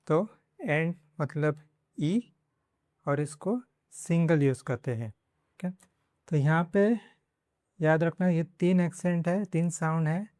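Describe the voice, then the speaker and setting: A man's voice: fairly high pitch, darkish tone, no room sound, clean studio sound. A man teaching a pronunciation lesson in Hindi, repeating each example word several times. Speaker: Spanish teacher.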